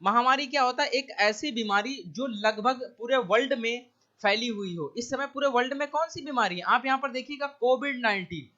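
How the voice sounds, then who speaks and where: A man with a Hindi accent teaches English vocabulary in an online exam-prep lecture. His voice is bright and forceful, and he keeps checking that his listeners are following. The recording sounds dull and lo-fi. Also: very high voice. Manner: explains each word slowly with repeated checks like "theek hai".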